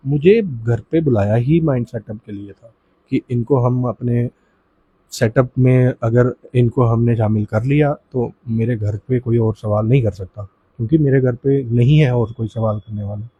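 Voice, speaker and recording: A man giving an emotional first-hand account as an interviewee, speaking haltingly with restarts and often saying sir. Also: mid-range voice, dark tone, slightly rough, dry recording, dull audio. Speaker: relative of the deceased, interviewee.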